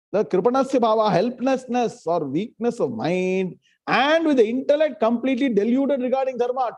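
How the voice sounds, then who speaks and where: A man's voice: high-pitched, a little mellow, muffled recording. A man with a South Indian accent teaching scripture line by line, explaining emphatically and often putting questions directly to his listeners.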